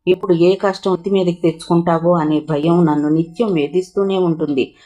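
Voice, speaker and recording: A woman reading a novel aloud, voicing an earnest young man who pleads calmly and tenderly in a low, steady tone. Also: brisk, close to an everyday voice. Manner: calm, low-voiced pleading.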